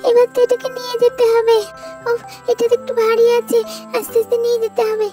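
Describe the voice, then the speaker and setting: A woman voicing a mischievous little child in a storybook doll story, calling out in a high, whiny way. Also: completely flat delivery, fast, warm tone, faint music behind. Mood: playful. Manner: high childish whining calls.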